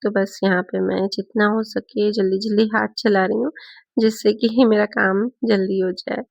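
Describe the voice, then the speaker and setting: A hoarse woman from Rajasthan, India, chatting in a casual voice-over as a home cooking vlogger and explaining each step. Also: medium pitch, little pitch movement, normal speed, no room sound, lo-fi sound.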